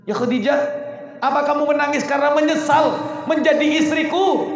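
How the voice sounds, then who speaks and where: A hoarse man voicing a concerned husband who questions his wife earnestly, in an echoey room. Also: fairly high pitch, steady tone, moderate pace, darkish tone, voice pushed down, lightly acted. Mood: urgent. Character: gentle, concerned husband and prophet.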